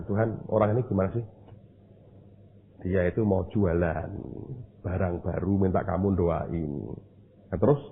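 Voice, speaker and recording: Indonesian male pastor, lively storytelling sermon, husky voice through a tinny phone-like line. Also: on the low side. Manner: animated storytelling, acting out voices.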